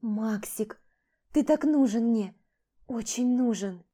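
A woman's voice: slow pace, dark tone. Woman voicing a clingy pleading young woman. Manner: pleading, raised high voice.

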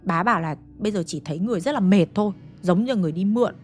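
A woman's voice: mid-range voice, racing, darkish tone, faint music behind. A woman telling a ghost story in a casual, conversational way, lingering on eerie details.

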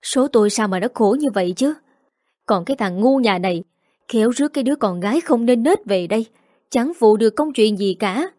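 A hot-tempered older mother-in-law, voiced by a woman, nags in a shrill, raised voice. She fires off rebukes at speed, loud and high. The sound is dry and close. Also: lively intonation, no room sound. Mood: lamenting. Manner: shrill, fast scolding.

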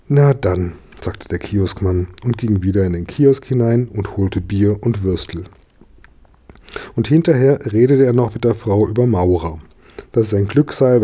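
A man reading a children's story aloud in calm, even storytelling. His voice sits low and sounds very dark and mellow. A husky grain runs through it. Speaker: narrator.

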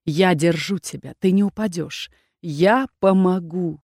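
A calm female magical reflection from a fantasy audiobook, voiced by a woman reader. She speaks low, hushed and reassuring, clearly below the reader's own voice. The recording is close and dry. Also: measured pace, no room sound. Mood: soothing, protective. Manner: low, quiet, soothing.

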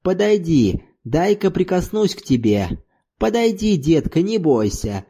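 A doting, half-blind old grandfather of a hundred years speaks gently in an audiobook, as a male reader puts him on. His voice is mellow and coaxing. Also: high-pitched, big pitch swings, measured pace, slightly rough, exaggerated voice.

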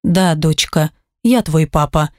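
A woman reading an audiobook, voicing a grown man who speaks to his daughter in a quiet, slightly choked voice. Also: low-pitched, takes it slowly, no echo, clean studio sound, voice pushed down. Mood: tender. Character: grown man, quiet, tender and emotional father.

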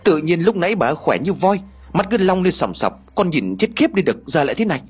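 A man's voice: on the high side, sing-song, breathy edge, soft background music, voice pushed up, exaggerated voice. A male narrator voicing an anxious young man worried about his sister. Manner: anxious, whispering, quick.

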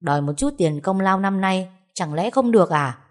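A woman's voice: medium pitch, animated, normal speed, close to an everyday voice. A woman voicing an angry, greedy middle-aged husband and gambler who hurls crude insults in an audio story. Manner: harsh, shouting, crude insults.

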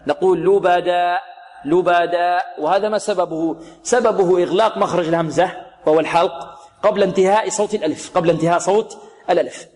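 A man teaching the rules of Quran recitation in a lesson, asking rhetorical questions, answering them himself, and slowly repeating words to show how they should sound. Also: high voice, a little mellow. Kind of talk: tajweed lesson, explaining and demonstrating recitation. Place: religious radio program recording.

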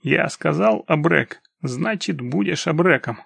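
A man doing a gruff barking army commander. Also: on the high side, lively intonation, normal speed, no echo, full character voice. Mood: commanding. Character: gruff male army scout commander, stern.

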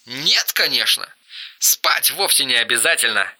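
A man voicing an unhinged, volatile young man with a hoarse, strangled voice, ranting down a phone line. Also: mid-range voice, big pitch swings, a little slow, sharp tone, exaggerated voice. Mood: eerie calm. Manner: erratic, swings from muttering to screaming.

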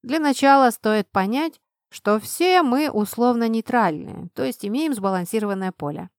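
A woman's voice: a little high, lively intonation, normal speed, no echo, clean studio sound, pitched above the performer's own voice. A woman reading an audiobook, voicing a friendly, knowledgeable young male student who explains things patiently. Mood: explaining. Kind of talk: audiobook narration.

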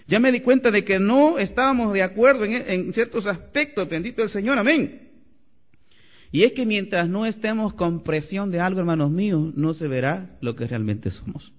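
A man preaching a Sunday sermon as pastor, animated and climbing to loud exclamations. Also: a little high. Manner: animated preaching, rising to shouts. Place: church sanctuary. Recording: lo-fi church recording with long reverb.

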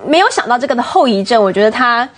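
A woman's voice: fairly high pitch, fast talker. A woman on a talk show explaining a news story at length in a casual chat. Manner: explains at length, steady commentary.

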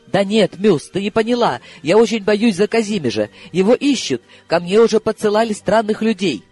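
A man doing a nervous, excitable friend. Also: sits high, moderate pace, soft background music, voice pushed up. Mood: rattled. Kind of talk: audiobook character voice.

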